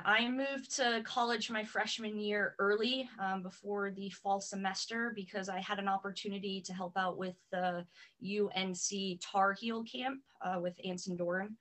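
A woman from the US East Coast, a soccer coach in her thirties or forties, talking through her career in a casual interview with many "um"s. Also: lowish voice. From Connecticut, US East Coast. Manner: steady and matter-of-fact, many "um"s. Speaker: soccer coach and private trainer, podcast guest.

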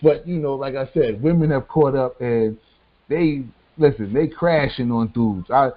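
A man's voice: mid-range voice, unhurried. Laid-back man with a dull lo-fi sound. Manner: laid-back, repeats phrases, says yeah a lot. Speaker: podcast co-host. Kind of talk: casual chat.

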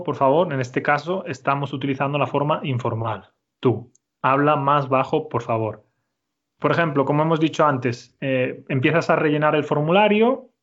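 A man teaching a Spanish lesson, speaking slowly and clearly and repeating his student's answers. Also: a little high, lo-fi sound. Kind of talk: conversational language lesson.

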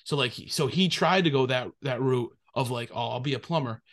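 A man with a New England accent hosts a casual podcast chat, rambling through his thoughts with lots of fillers and restarts. His mid-range voice is brisk and fairly bright.

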